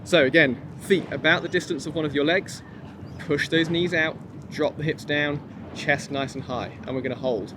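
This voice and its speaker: A man's voice: on the high side, moderate pace. A man instructing a kung fu class, encouraging and informal, giving step-by-step commands and counts. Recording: noisy outdoor recording with traffic ambience.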